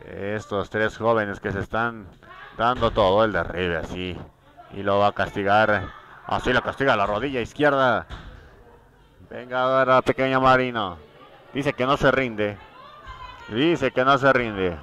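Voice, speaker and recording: A man's voice: on the low side, measured pace, pushed and bright. A man with a Mexican accent gives live play-by-play wrestling commentary, repeating himself as he follows each move. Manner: repetitive, narrating each move as it happens.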